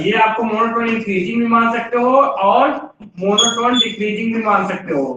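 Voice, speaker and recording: Male math teacher, high bright voice, step-by-step explainer, heard from a distance with a dull tone. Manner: explains step by step with rhetorical questions. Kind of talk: classroom lecture. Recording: distant, echoey room, dull sound.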